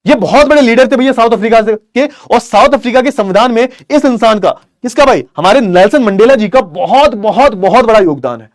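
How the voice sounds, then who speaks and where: A man's voice: very high-pitched, expressive, a little fast, hardly any pauses, dry recording, clean studio sound. A male teacher giving an online class lecture, asking and answering his own questions and repeating key phrases. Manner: repeats key phrases, calls students beta.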